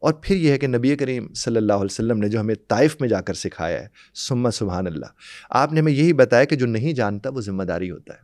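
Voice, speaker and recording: A man's voice: mid-range voice, lively intonation, fast talker, darkish tone, no room sound, clean studio sound. A man giving an interview as a guest expert, explaining earnestly and repeating example words. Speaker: English language guest expert.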